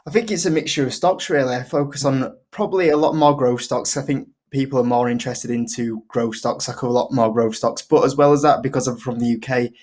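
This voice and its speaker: A man with a Yorkshire accent talks in a casual, chatty way as an interview guest. His pitch is average and moves very little, giving an even, level delivery. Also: fairly quick, hardly any pauses. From Leeds, Yorkshire, UK. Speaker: investing video creator, guest.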